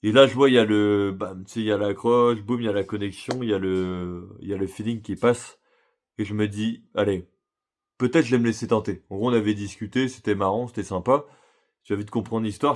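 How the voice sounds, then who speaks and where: A man telling a personal story in a casual, slangy way, talking straight to the listener. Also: on the low side. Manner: slangy, chatty, addresses listener directly. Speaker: vlogger.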